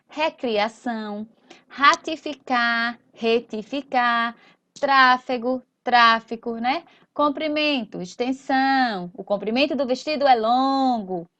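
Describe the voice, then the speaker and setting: Teacher, female, unhurried deliberate delivery, stretches out each word. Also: high-pitched, fairly bright tone, muffled recording. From Sergipe, Brazil. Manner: slow, drawn-out and explanatory, with frequent tag questions. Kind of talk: recorded school lesson.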